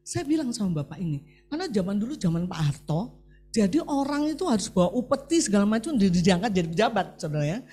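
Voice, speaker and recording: A man's voice: high voice, fast, slightly rough, soft background music. A middle-aged male preacher giving a sermon, talking animatedly and often turning to the congregation with questions. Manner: animated, keeps addressing the congregation as "saudara".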